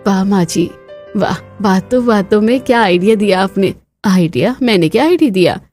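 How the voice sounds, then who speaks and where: A woman's voice: mid-range voice, expressive, moderate pace, warm tone, faint music behind, natural voice. A woman voicing a hardworking, caring young daughter-in-law in a cartoon story, talking earnestly. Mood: eager. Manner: earnest, scolding, eager.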